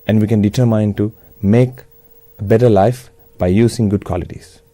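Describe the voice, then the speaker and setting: Mellow Sri Lankan man giving religious address. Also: on the low side, fairly even intonation, moderate pace, dry recording. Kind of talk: religious talk, New Year address.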